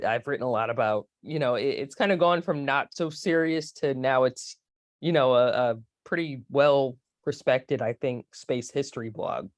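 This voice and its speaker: A woman's voice: extremely low pitch, no room sound. A woman in her forties from Florida, a space historian telling rambling, chatty stories as an interview guest. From Florida, USA. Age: 40s. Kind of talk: casual interview.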